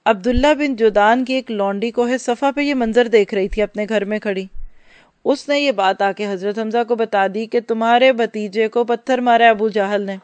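A woman's voice: a little high, dry recording. A woman teaching a religious lecture, telling stories and asking her listeners questions. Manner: storytelling, addresses listeners directly with questions.

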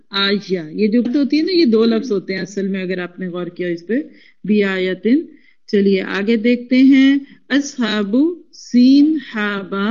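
A woman teaching a classroom lesson, spelling out root letters slowly and coaxing the class to repeat after her. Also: medium pitch, darkish tone, dull audio. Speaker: Quran Arabic teacher.

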